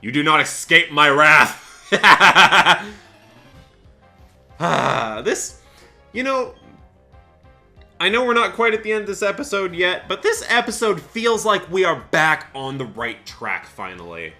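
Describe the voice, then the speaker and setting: A man's voice: sits high, sing-song, slow pace, long pauses, sharp tone, soft background music. A man giving chatty gameplay commentary as a Let's Play host, thinking aloud and often laughing.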